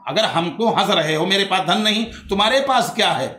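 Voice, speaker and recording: A man's voice: high voice, animated, normal speed, bright, forceful tone, echoey room. A man voicing a stern divine holy man who questions and scolds a liar. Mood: questioning.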